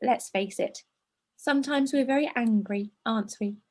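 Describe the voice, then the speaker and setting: A woman co-hosting a podcast, her voice slightly husky and pitched a little high. She talks casually and reads a listener's heartfelt letter aloud over a video call, laughing through tears as she goes. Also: normal speed, a little mellow. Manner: emotional, laughing through tears while reading. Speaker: podcast co-host.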